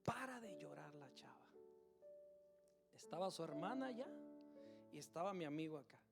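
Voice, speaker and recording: A man's voice: fairly high pitch, animated, normal speed, vocal fry, music in the background. A man gives a sermon testimony, telling a personal story with animation and often calling his listeners to attention. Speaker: preacher giving a testimony. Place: church service streamed live.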